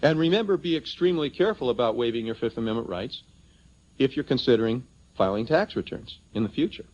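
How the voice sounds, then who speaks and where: Expressive and quick-paced, a man with a mid-range, slightly mellow voice works a seminar audience, using anecdotes and rhetorical questions to press his point emphatically. The recording is a dull lo-fi seminar tape.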